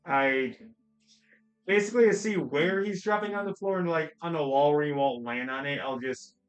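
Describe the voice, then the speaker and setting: A man's voice: fairly high pitch, normal speed, soft background music, rough recording. A man playing a tabletop game, hesitant and thinking aloud about his moves. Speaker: player. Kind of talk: casual chat in a tabletop game.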